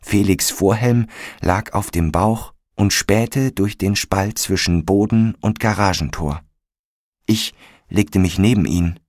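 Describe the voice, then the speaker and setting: Slow, low-voiced male audiobook narrator. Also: darkish tone, no echo, studio quality.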